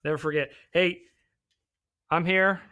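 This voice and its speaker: A man's voice: fairly high pitch, steady tone, measured pace, sharp tone. A man hosting a podcast, talking in an easygoing, joking way. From American Southwest desert. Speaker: podcast host. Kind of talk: casual podcast chat.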